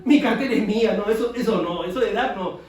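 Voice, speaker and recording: A man's voice: high voice, fast talker, darkish tone, close to an everyday voice. A man voicing a stingy male churchgoer who protests and insists on keeping his money. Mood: stubborn. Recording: echoey church hall from a distance.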